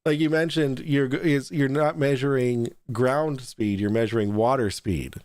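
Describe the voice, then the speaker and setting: A man from the Boston area hosting a casual video call talk show, chummy and quick to laugh. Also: medium pitch, clear, resonant tone, dry recording. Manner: laughs often, chummy and relaxed. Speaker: host.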